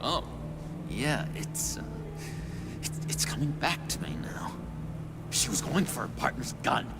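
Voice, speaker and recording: A man's voice: medium pitch, sing-song, a little slow, gravelly, whispered. An actor in a video game playing an unhinged, nervous man who stammers guilty excuses as if caught in the act. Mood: nervous, evasive.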